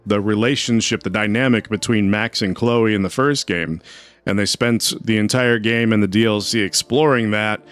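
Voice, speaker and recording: A man's voice: on the low side, fairly even intonation, moderate pace, fairly bright tone, clean tone. A man streaming a video game, chatting casually and rambling as he answers his chat. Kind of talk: casual gameplay commentary.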